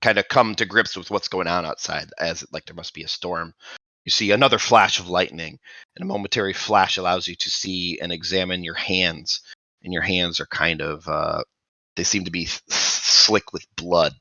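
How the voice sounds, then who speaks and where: A man narrating a tabletop role-playing game as game master, halting, with many fillers and restarts. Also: low-pitched, steady tone, creaky, sharp tone, no room sound, dull audio.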